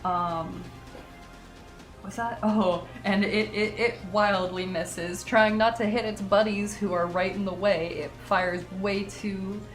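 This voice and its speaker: A woman's voice: mid-range voice, steady tone, slow, reverberant, faint music behind. A woman running a tabletop game as game master, narrating the action with many fillers and self-corrections.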